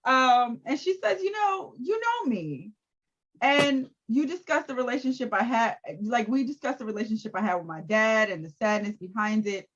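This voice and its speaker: A woman co-hosting a casual recap chat, animated and laughing often as she acts out quotes. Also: on the high side, moderate pace, highs cut off. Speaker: podcast co-host.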